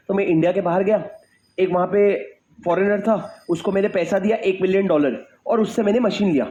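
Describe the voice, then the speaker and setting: A young male teacher lectures a classroom in a high, ringing voice. He talks emphatically, repeats his questions and calls out to students at the back. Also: a little mellow.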